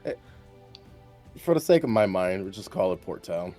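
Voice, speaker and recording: A man's voice: low voice, sing-song, normal speed, music in the background. A man running a tabletop game, narrating actions and trading crude jokes with the players. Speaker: game master. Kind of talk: casual tabletop game chat.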